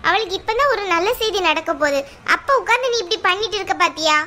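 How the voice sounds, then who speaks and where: A woman's voice: extremely high pitch, expressive, fast, bright, forceful tone, full character voice. A woman voicing a scolding mother of two daughters in a cartoon, nagging and exasperated. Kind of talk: cartoon voice acting.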